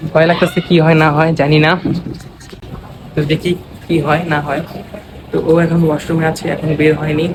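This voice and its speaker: A young man with a fairly high voice hosts a prank vlog, talking rapidly and casually in Bengali while slipping English phrases in. Background noise is audible.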